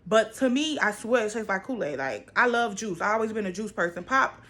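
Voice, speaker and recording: Speaking briskly in an animated, mid-range voice with a bit of brightness, a twenty-something American woman vlogs casually to her audience. She hammers her points home by repeating phrases.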